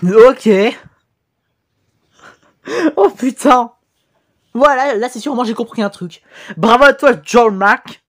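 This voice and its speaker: A woman from France giving animated, laughing reaction commentary on fan animations, swearing casually. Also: a little high, slow, long pauses. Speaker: YouTube reactor.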